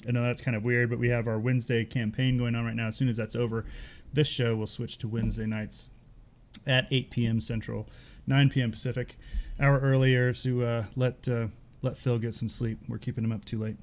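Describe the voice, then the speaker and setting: A man's voice: mid-range voice, flat delivery, fairly quick. A man hosting a casual online show, loose and rambling, often breaking into laughter. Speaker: host.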